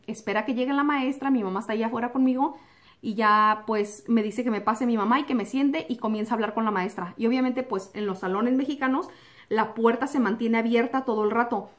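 Animated storyteller woman, fairly high voice. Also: brisk. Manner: animated, acts out quotes and sound effects like "pum"; drops English words into Spanish. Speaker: vlogger. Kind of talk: personal storytelling to camera.

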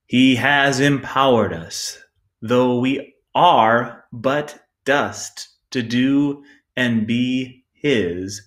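A male preacher delivering a sermon in an unhurried, measured way. He reflects aloud, pokes fun at himself, and keeps turning to rhetorical questions. His voice sits at an ordinary middle pitch for a man. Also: a bit bright. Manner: reflective, self-deprecating storytelling with rhetorical questions.

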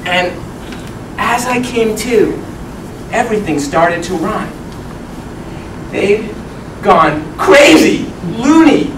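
A young adult contestant delivers a rhyming comic tall tale in a theatrical, projected style with dramatic pauses, his high voice full of lively intonation. He's indoors in a medium banquet meeting room, captured by a distant camera microphone, so the echoey, noisy recording sounds far off and includes audience noise.

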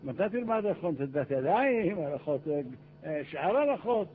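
An older man, a rabbi, giving a Torah lecture, telling stories and acting out the dialogue in a raised voice. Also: on the high side. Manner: animated, acts out dialogue in raised voice. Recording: tinny phone-like archive recording with hiss.

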